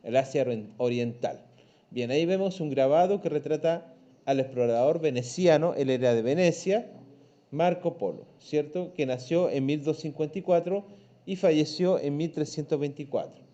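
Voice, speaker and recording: A man's voice: a little high, normal speed, dark tone, lo-fi sound. A Chilean man teaching a primary school class online, patient, checking in often with his pupils. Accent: Chilean Spanish. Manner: patient, checks in with frequent "¿ya?" and "¿cierto?".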